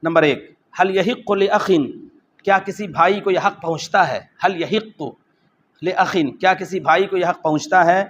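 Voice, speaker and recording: A man teaching a lesson on an Arabic text, reading phrases slowly and then repeating them in explanation. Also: high voice, steady tone, a bit bright, muffled recording.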